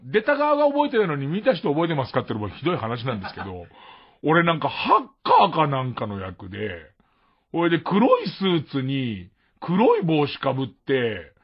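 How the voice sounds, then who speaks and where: This late-night radio monologue comes from a Tokyo-accented man from Tokyo whose fairly high voice is husky. He drifts along casually, laughing at himself with frequent chuckles, and the mono archive audio is muffled.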